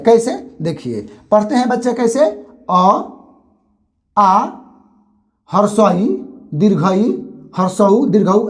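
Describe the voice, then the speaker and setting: A man's voice: sits high, warm tone. A man teaching grammar for exams, repeating key points and drilling letter sounds one by one. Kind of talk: classroom-style exam lesson.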